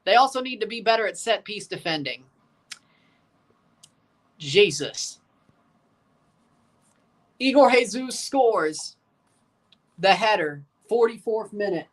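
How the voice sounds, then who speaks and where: A man with a high voice streams a live match watchalong, chatting casually and calling goals excitedly while protecting a strained voice. He sounds far from the mic.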